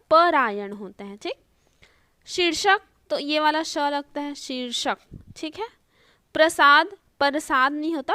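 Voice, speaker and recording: During an online spelling lesson, a woman walks through each step, says every word again, and keeps asking "okay?" and "ठीक है". She sounds high-pitched, pushed and bright, with no room sound in the recording.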